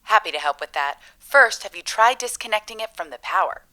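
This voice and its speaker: A woman's voice: mid-range voice, lively intonation, a little fast, sharp tone. A woman playing an unflappable, chipper customer service agent with scripted politeness in a comedy. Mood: helpful, matter-of-fact. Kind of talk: comedy dialogue.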